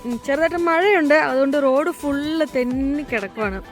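A high-voiced woman talks as a travel vlogger. She slips English words into Malayalam and exclaims and repeats herself excitedly. Music and vehicle sound run behind her. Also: fairly quick. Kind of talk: casual vlog chat mixing Malayalam and English.

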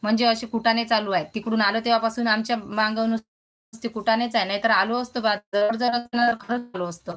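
A woman's voice: a little high, little pitch movement, fairly quick, fairly bright tone. A woman, hosting a casual phone live stream, chatting and greeting viewers by name as she reads their comments.

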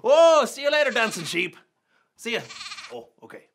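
A performer playing a goofy, excitable male rapper in a comic kids' sketch, shouting and laughing a lot. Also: medium pitch, takes it slowly, gravelly, a little hiss or hum, full character voice. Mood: excited.

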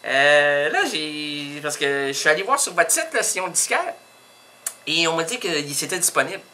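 Playful Québécois radio host, very bright voice. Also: male voice, a little high, expressive, normal speed, slight background noise. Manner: playful, self-mocking, rambling with fillers and puns. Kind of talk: comic radio monologue, one-sided phone call. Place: radio studio.

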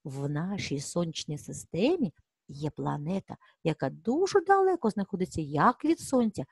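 A woman's voice: fairly low pitch, big pitch swings, moderate pace, gravelly, breathy edge, dry recording, clean studio sound. A middle-aged woman teaching an early-reading lesson to young children, coaxing them along and stretching out words so they can hear the sounds. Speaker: preschool teacher.

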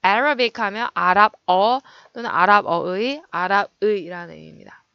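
A woman English teacher giving an online lecture, explaining word meanings and stress and modeling pronunciation slowly. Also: mid-range voice, animated, gravelly, no room sound, muffled recording.

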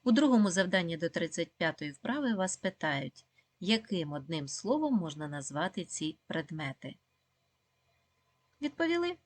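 A woman teaching a video lesson for second graders, speaking slowly and clearly, praising the pupils often and asking them questions. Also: lowish voice, lively intonation, no room sound. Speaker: primary school teacher.

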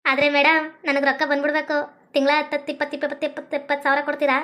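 Woman as insistent, greedy broker woman, North Karnataka accent, quick talker. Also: high-pitched, monotone, sharp tone, pitched below the performer's own voice. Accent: North Karnataka Kannada. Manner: bargaining, insistent. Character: greedy female broker haggling over money.

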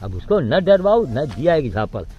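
A man's voice: medium pitch, big pitch swings, moderate pace, dull audio. An older man talking outdoors, coaxing animals he is feeding and giving chores to a helper in between. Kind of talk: casual outdoor narration.

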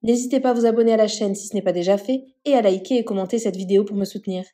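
A woman narrating a celebrity news story as scripted voice-over, reading an article in an even manner. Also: mid-range voice, rapid-fire.

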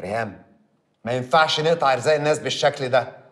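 An actor playing a stern husband in an Egyptian TV drama, speaking firmly and commandingly with an Egyptian Arabic accent. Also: male voice, medium pitch, quick pace, fairly bright tone, lightly acted. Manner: firm, commanding. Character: stern husband asserting himself at home. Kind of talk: TV drama acting.

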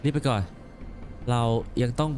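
A man commenting on a game as he plays, exclaiming and repeating words in quick excited bursts. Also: soft background music. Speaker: gameplay commentator. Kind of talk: let's play commentary.

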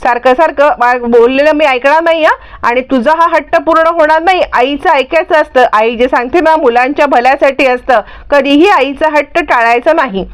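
A woman's voice: sits high, normal speed, hardly any pauses, lightly acted. A woman voicing a young mother, firm and pleading. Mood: strict. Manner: pleading and strict by turns.

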